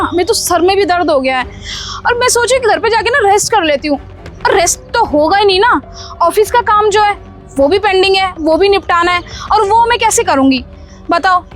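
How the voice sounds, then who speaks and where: A woman's voice: very high voice, lively intonation, brisk. A woman voicing a scheming young wife in a cartoon story, bossy and dismissive, full of excuses, with faint music behind her. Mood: irritated. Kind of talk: Hindi cartoon story dubbing.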